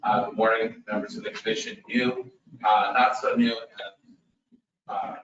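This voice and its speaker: A man who directs a medical program, giving public comment to a commission in a friendly, halting way with many "uh" fillers. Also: fairly low pitch, little pitch movement, fairly bright tone, slight background noise. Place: public meeting room. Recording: echoey room, mic far off, dull sound.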